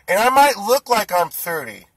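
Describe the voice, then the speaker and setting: A man in his forties speaks to the camera in an indignant, ranting monologue, and his heat keeps building. His voice sits a little high and has a tense, sharp edge. The sound is dry and close. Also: sing-song, moderate pace, breathy edge, dry recording, poor audio. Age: 40s. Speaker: food delivery driver.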